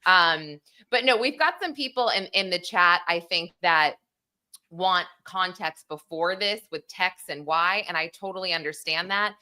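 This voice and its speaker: A woman with a lowish but bright, forceful voice co-hosts a live analysis show. She talks in a chatty, conversational way. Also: measured pace. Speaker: co-host.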